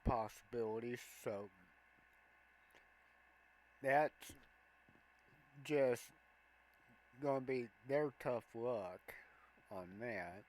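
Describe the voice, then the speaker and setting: Man, gameplay walkthrough, slow, step-by-step instructions, middle pitch, faint background noise. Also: rough recording. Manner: slow, plain step-by-step explaining of controls. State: has the hiccups. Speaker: gameplay video host.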